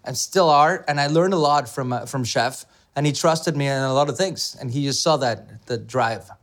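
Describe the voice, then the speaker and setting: A man's voice: medium pitch, normal speed, fairly bright tone. A middle-aged man from Mexico, a beverage director, talking enthusiastically in an interview with many fillers and restarts. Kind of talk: conversational interview.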